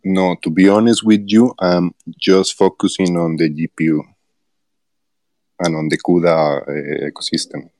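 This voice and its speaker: A man from Rica, a developer guest on a podcast interview, speaking in a halting way with frequent fillers and restarts. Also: deep voice, level tone, a little mellow, no room sound. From Costa Rica.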